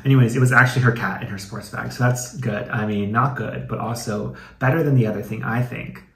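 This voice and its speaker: Hosting a comedic video, a young American man reads and comments with chatty slang and playful drama. His medium-pitched voice shows vocal fry and moves a little fast, recorded in an echoey space with some background noise.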